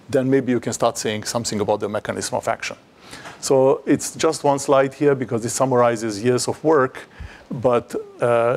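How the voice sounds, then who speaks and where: A middle-aged man giving an academic seminar talk in a lecture hall, speaking in a halting way with many restarts and fillers and some dry humor. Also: mid-range voice, vocal fry. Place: lecture hall, standing at a projected slide.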